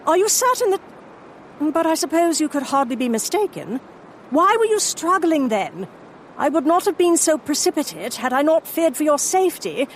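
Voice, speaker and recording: In a full-cast audio drama, a woman narrates and plays the lead, a brisk, commanding Victorian lady Egyptologist who speaks in crisp, formal sentences. Her voice sits high, with slight background noise.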